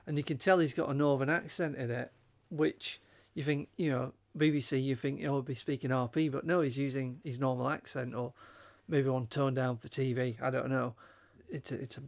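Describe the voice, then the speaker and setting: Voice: medium pitch, steady tone, moderate pace, hardly any pauses. A podcast panelist with a mid-range voice shares trivia in casual talk. The delivery is hesitant, with plenty of fillers and repeated words. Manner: hesitant, fact-sharing, many uhs and repeats. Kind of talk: casual chat.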